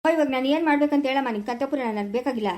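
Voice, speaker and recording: A stubborn village son, acted by a woman, talks back in a high, quick voice. He speaks with a rural Chikkaballapura Kannada accent, curt and dismissive. It is an amateur family skit. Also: close to an everyday voice. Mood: defiant. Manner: curt, dismissive, then soft cooing with a baby. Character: grown village son, defiant and sharp-tongued.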